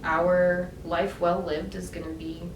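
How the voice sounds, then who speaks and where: Slow-paced and fairly low-pitched, an adult woman vlogger discusses her own choices in a casual monologue of opinions. She's animated and emphatic, with many fillers and rising bursts of emphasis, and she's recorded from a distance in an echoey room with background noise.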